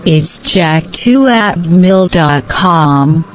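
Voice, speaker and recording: A woman giving slow, scripted answers in a repeated language-practice dialogue. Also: fairly low pitch, expressive, rough recording.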